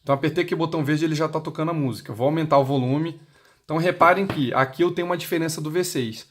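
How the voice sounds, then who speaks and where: Very fast and a little high, a man's voice carries a Brazilian Portuguese accent as he demonstrates an intercom he sells. He explains it step by step without a script, in a plain, instructional style. The recording is clearly noisy, with clicks.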